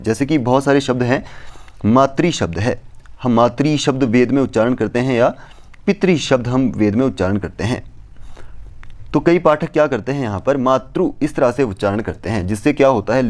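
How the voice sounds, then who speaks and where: A man giving a lesson, reciting verse lines slowly and then explaining each point step by step. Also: medium pitch, a little mellow. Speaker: Sanskrit teacher. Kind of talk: explanatory lecture.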